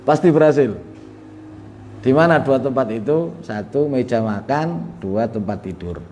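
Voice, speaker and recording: Slow-talking preacher. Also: male voice, medium pitch, lively intonation, a little mellow, slight background noise. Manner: humorous, chatty, laughs often, acts out quoted dialogue. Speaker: religious teacher. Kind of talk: sermon.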